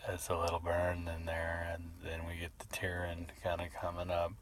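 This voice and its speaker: A man's voice: deep voice, completely flat delivery, normal speed, a little hiss or hum. A man talking casually in a rambling vlog style, sneezing between remarks. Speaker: video creator.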